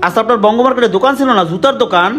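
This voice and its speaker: Pleading high-voiced man. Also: racing, fairly bright tone, faint music behind. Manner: pleading, earnest, rural colloquial speech. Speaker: poor father buying shoes, then closing speaker. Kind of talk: amateur social drama acting.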